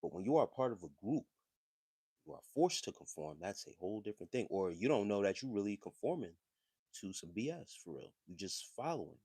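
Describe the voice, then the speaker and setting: A man's voice: on the low side, very animated, brisk, warm tone, husky, no echo, studio quality. A man hosting a livestream, talking casually and reading chat messages in a loose, slangy, conversational way. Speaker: livestream host.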